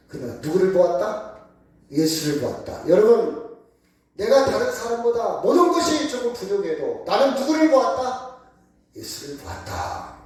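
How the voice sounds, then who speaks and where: A man's voice: high-pitched, a little mellow. A man preaching a sermon as pastor in a church, with emphatic call-and-response questions. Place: church sanctuary. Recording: very echoey room, voice from far off.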